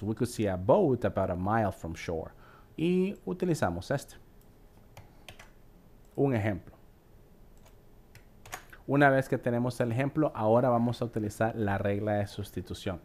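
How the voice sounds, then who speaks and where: A man teaching an English vocabulary lesson in Spanish, explaining step by step, checking in with the viewer often and reading English words and definitions slowly. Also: mid-range voice. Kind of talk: screen-share vocabulary lesson.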